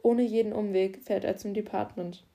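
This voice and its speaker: Mellow-voiced woman narrating a story. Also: mid-range voice, fairly even intonation, moderate pace. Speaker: audiobook narrator. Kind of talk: scripted narration.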